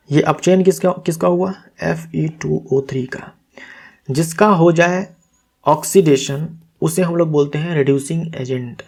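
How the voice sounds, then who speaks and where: An exam-prep tutor walks step by step through quiz answers, posing questions and answering them himself while correcting himself aloud. His voice is on the high side and a little mellow.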